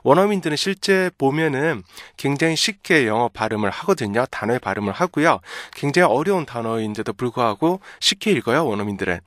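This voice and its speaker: A man teaching English pronunciation, explaining patiently and slowly drawing out example words, often checking in with the listener. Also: medium pitch, lively intonation, a bit bright, dry recording, clean studio sound. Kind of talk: pronunciation lesson.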